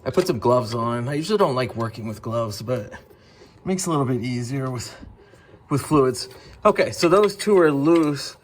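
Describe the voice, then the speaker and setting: Relaxed man talking through garage work. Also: medium pitch, moderate pace, a little hiss or hum. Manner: relaxed, step-by-step, frequent fillers. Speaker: car DIY video host. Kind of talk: casual how-to narration while working. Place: home garage workshop.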